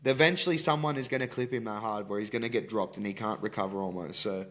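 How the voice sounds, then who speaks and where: A man's voice: on the low side, fast, a bit bright. A young man with an Australian accent having a casual, slangy, blokey sports chat with plenty of swearing. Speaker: fight prediction podcast host.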